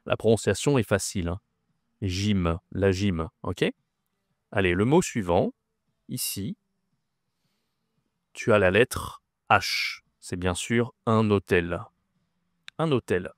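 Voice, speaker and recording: A man's voice: on the low side, animated, takes it slowly, long pauses, no echo, clean studio sound. A man teaching French vocabulary. He is patient, repeats each word and often checks that the listener follows. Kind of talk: slow, clear vocabulary lesson.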